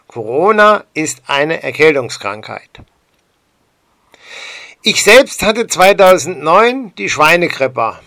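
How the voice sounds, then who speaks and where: A man giving a prepared public address to his fellow citizens, slow and deliberate, with an indignant, rhetorical edge. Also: fairly high pitch, pushed and bright, dry recording. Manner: slow, deliberate, emphatic delivery.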